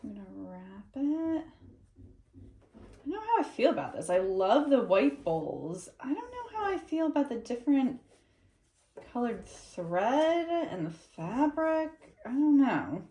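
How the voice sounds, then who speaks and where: A woman's voice: a little high, very animated, slow pace, mellow, reverberant. A woman sewing at home, thinking aloud in a casual, unsure way and trailing off. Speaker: sewing vlogger. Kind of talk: casual muttering while sewing.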